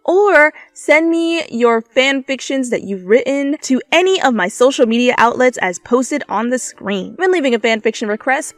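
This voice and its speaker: Hosting her channel, a woman whose voice sits on the high side reads fanfiction, alternating dramatic narration with silly, self-deprecating, offhand comments. The audio is dry, with faint background music.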